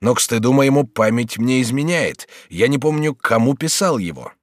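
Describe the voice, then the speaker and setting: A man's voice: mid-range voice, expressive, normal speed, no room sound, clean studio sound, lightly acted. A man reading an audiobook voices a kindly, easily moved middle-aged prince regent, exclaiming and questioning with raised emotion. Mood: agitated. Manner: exclaiming, warm and agitated.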